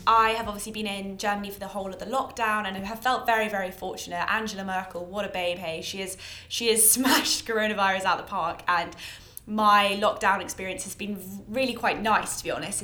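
A woman's voice: mid-range voice, steady tone, fairly quick, sharp tone, soft background music. Effusive young British woman, echoey homemade podcast. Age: early twenties. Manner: effusive, self-deprecating, emphatic. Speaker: podcast host. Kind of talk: chatty, informal podcast monologue. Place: makeshift booth under a towel, at home. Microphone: own bought podcast microphone.

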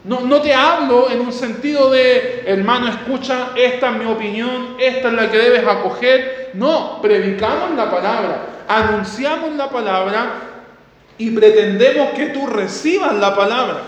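A man with a very high voice preaches a sermon a little slowly, asking his listeners questions and answering them himself. He reads scripture aloud, repeating key words, in an echoey hall with long reverb.

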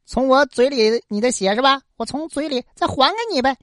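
A woman's voice: sits high, brisk, dry recording, clean studio sound, pitched above the performer's own voice, natural voice. A woman telling a folk tale, voicing a fickle, self-serving young male scholar in dialogue. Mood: callous.

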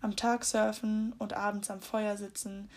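A woman voicing an excited young boy who loves surfing, in an eager, exclaiming manner. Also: mid-range voice, measured pace, natural voice. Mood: dreamy.

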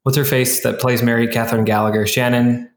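A man's voice: mid-range voice, little pitch movement, fairly quick, slight background noise. A man co-hosting a podcast in casual conversation, in an echoing, tunnel-like empty kitchen and dining room. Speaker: podcast co-host. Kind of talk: casual chat. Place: echoey kitchen and dining area of an unfurnished house. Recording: echoey, tunnel-like room sound.

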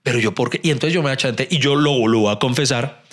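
Colombian man, casual storytelling, swears freely, animated, mid-pitched voice. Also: quick pace. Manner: animated, jokey, swears freely, acts out dialogue.

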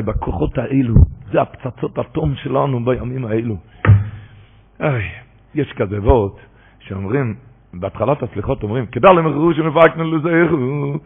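A man giving an animated religious lecture on a Talmud commentary, building to emphatic preaching. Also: on the high side, creaky. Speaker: Torah teacher. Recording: tinny phone-line radio broadcast.

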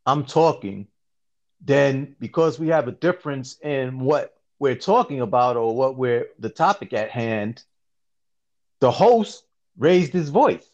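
A man hosting a casual podcast, telling stories in an animated, slangy way and often asking "you see what I'm saying". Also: medium pitch, dull audio. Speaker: podcast host. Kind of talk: casual chat.

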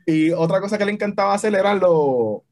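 A young man telling army stories in a casual podcast chat, slangy and animated, mixing Spanish and English. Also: high voice, fairly quick. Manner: animated storyteller, slangy and swearing. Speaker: podcast guest, army veteran.

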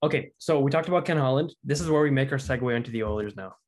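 A man's voice: medium pitch, very fast. A man hosting a casual sports podcast, chatting loosely and rattling off stats. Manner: chatty, reads out stats and quotes. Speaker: podcast host.

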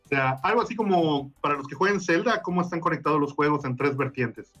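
A man talking fast and laughing a lot as he chats casually with friends, his voice pitched a little high. He sits back from the mic, so he sounds somewhat distant, and faint music plays under the talk. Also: a bit bright. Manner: quick, rambling, laughs often. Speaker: podcast co-host. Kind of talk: casual chat among friends.

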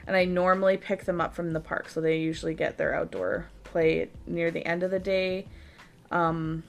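A woman's voice: on the low side, normal speed, creaky. A woman in her thirties casually telling a rambling story on a podcast, full of "like" fillers. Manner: rambling, lots of "like" fillers, animated retelling. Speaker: podcast co-host.

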